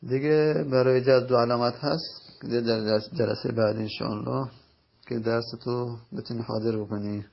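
A man teaching Arabic grammar in a recorded lesson, explaining patiently and slowly, repeating each example word. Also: mid-range voice, steady tone, gravelly. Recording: dull lo-fi recording.

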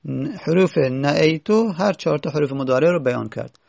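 Gravelly man explaining a grammar text. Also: on the high side, expressive, a little mellow, no room sound. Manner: reads a line of text, then explains it patiently in plain words; rhetorical questions to the class. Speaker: teacher. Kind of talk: classroom lecture reading and explaining a grammar text.

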